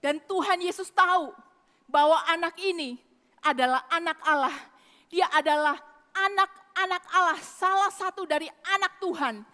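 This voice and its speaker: Woman preacher, high voice, emphatic sermon, long hall reverb. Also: normal speed, bright, forceful tone. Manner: emphatic, repeats phrases, addresses the congregation.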